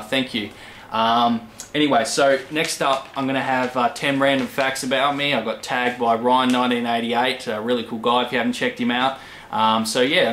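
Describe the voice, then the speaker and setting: A man in his twenties with an Australian accent, chatting casually to camera as a channel host, rambling with many pauses. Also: mid-range voice, fairly bright tone, slight background noise. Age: 20s. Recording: echoey room.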